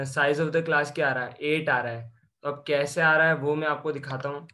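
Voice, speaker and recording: A man's voice: fairly high pitch, fairly bright tone. A young man explaining programming step by step, asking and answering his own questions as he walks through examples. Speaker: programming tutor. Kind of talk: screen-share coding lesson.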